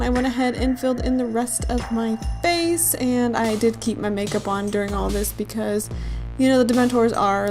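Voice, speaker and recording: Female, highish voice, casual makeup-tutorial narrator who rambles and puts herself down, over clear background music. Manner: rambling, self-deprecating asides. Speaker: makeup and body paint artist, channel host.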